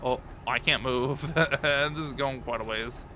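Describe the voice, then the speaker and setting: A man's voice: medium pitch, a little slow, bright, forceful tone, slight background noise. A man casually commenting as he plays a video game for the first time, curious and thinking aloud. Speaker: gaming channel host. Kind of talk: casual let's-play commentary.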